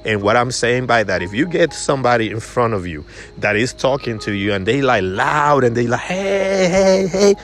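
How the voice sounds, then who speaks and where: A man's voice: mid-range voice, lively intonation, a little fast, fairly bright tone, faint music behind. A man giving a motivational sales lesson in an emphatic coaching manner. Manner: emphatic, acts out customer voices. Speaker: sales trainer.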